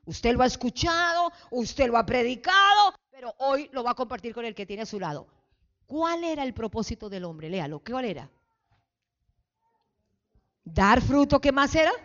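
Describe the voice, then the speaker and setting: Fervent woman pastor with a high voice, shouting exhortations in a muffled church recording. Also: lively intonation, moderate pace. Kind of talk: call-and-response sermon. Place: church sanctuary.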